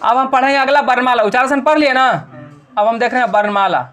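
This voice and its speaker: High-voiced teacher drilling a class. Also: male voice, quick pace, fairly bright tone, faint music behind. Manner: drills students with call-and-response questions. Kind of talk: classroom grammar lesson.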